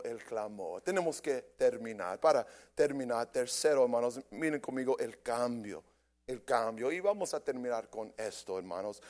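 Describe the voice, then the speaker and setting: A man preaching a sermon to his congregation, swinging from loud exhortation to hushed, deliberate emphasis. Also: medium pitch. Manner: slow, deliberate delivery with repeated words. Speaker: pastor.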